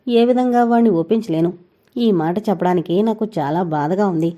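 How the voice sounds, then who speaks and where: A woman's voice: mid-range voice, normal speed, dark tone, lightly acted. A woman reading a blunt middle-aged mother. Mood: reluctant. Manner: blunt, matter-of-fact.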